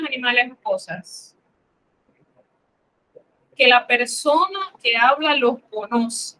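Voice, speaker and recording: A woman teaches a French class, taking her time and repeating each example for the students. Her voice sits a little high and sounds bright and clear. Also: poor audio. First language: Spanish. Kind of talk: classroom lesson.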